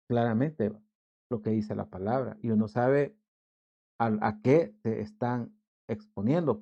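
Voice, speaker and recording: A male pastor with a Salvadoran accent giving a conversational sermon, acting out short everyday scenes in quick voices. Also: medium pitch, warm tone, lo-fi sound. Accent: Salvadoran Spanish. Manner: conversational preaching, acts out little scenes in quick put-on voices.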